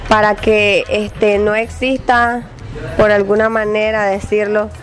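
Young woman, mid-pitched voice, earnest hesitant interview answer, soft music. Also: level tone, slow pace. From Caribbean coast of Nicaragua. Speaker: accounting student.

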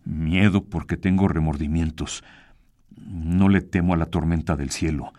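A man with a Mexican Spanish accent voicing a fearful, guilt-ridden male traitor in a radio drama reading, low and hushed. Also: fairly even intonation, measured pace, dry recording.

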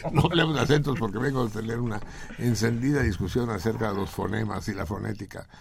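Mexican male radio host, deep and gravelly, theatrical ironic banter. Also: fairly quick, slight background noise. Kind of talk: joking comedic radio banter.

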